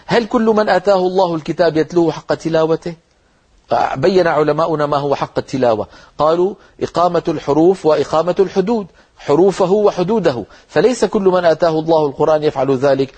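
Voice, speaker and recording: Male recitation teacher, husky and fairly high, explains rules and demonstrates words slowly. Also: darkish tone.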